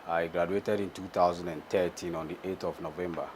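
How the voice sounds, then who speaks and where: Man, 30s, very low voice, faint traffic hum behind. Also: fairly even intonation, fairly quick, darkish tone. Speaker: former missionary pastor. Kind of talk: testimony interview.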